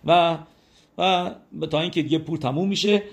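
A man teaching a Talmud lesson, retelling the stories in a lively storytelling way and often repeating "he says". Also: on the high side. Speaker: religious teacher.

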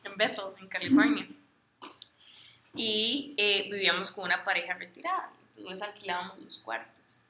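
A woman, speaking softly and calmly in a casual faith chat. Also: medium pitch, normal speed, reverberant, a little hiss or hum. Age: 30s.

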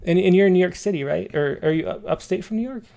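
Creaky-voiced guy hosting a poetry chat, mellow, voice a bit on the high side. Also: fast talker, slight background noise. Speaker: host of a poetry reading show. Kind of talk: casual hosting and interview with a guest.

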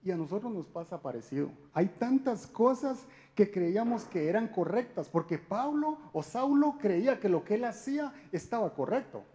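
A man's voice: high voice, big pitch swings, moderate pace, few pauses, dark tone. A man giving a conversational sermon talk, speaking directly to his listeners with frequent rhetorical questions. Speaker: church speaker.

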